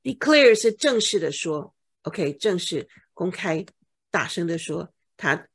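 A woman's voice: fairly low pitch, animated, slow pace, slightly rough. A woman tutoring English vocabulary, patiently explaining word meanings and checking for understanding with frequent OK. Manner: patient, repeats key words with OK checks.

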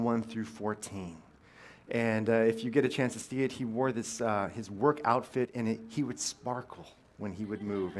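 A man pastor preaching a casual, conversational sermon in a church, telling the story with many fillers and restarts and lively emphasis at times. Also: medium pitch. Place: church sanctuary.

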